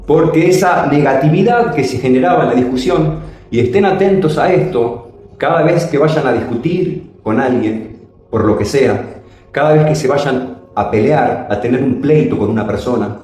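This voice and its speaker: A man telling a spiritual personal story dramatically, his pitch swooping and his phrases slow and drawn out. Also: darkish tone. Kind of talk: personal testimony. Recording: very echoey room.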